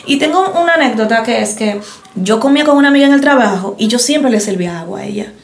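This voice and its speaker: Fast-talking woman with a roomy echo. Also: a little high, slight background noise. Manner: animated storyteller acting out quoted dialogue. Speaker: podcast co-host. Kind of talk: casual chat.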